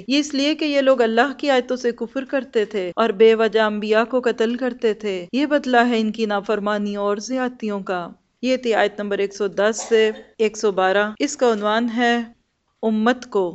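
A woman's voice: fairly high pitch, highs cut off. A woman giving a Quran commentary lesson, earnest and explanatory, asking rhetorical questions. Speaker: religious teacher.

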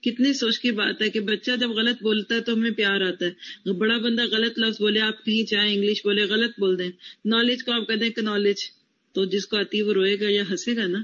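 A woman's voice: mid-range voice, fairly even intonation, fairly bright tone. Casting note: female Quran teacher, explains, quizzes students on word roots, praises answers, dull lo-fi classroom recording.

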